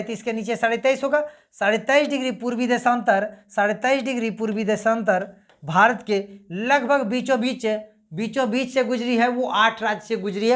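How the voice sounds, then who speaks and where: A woman teaching a geography lesson, repeating points and quizzing her listeners as she goes. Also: a little high. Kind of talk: casual classroom-style lesson.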